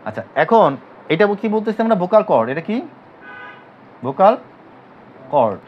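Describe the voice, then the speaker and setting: Very animated and fast-talking, a man with a high-pitched voice teaches anatomy in Bangladesh as a physiotherapy teacher. He keeps students repeating terms back, drilling them with repeated questions. The dull, lo-fi audio has a little hiss or hum.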